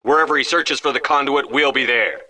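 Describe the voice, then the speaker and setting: An actor voicing a resolute, stern starship commander in a video game, with a firm, controlled, commanding delivery. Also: male voice, mid-range voice, fairly quick, sharp tone. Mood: rousing, determined.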